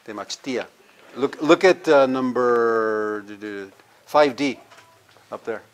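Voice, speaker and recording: A man's voice: mid-range voice, slow pace, smooth. An older man from California, a university professor giving a lecture, drilling word pronunciations and quizzing his audience. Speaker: university professor teaching Nahuatl. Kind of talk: classroom lecture with audience questions. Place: cultural center lecture room.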